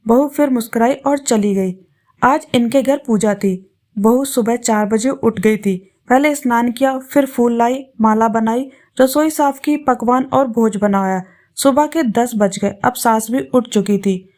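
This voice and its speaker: A woman with a fairly high voice reads out a family story. Her storytelling is steady and scripted. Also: unhurried.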